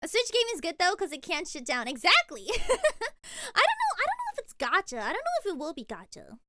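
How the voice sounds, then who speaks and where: Giggling and gushing, this young VTuber responds to her chat on a casual stream, frequently repeating words. She speaks a little fast in a very high voice with huge pitch swings and a bright, forceful tone.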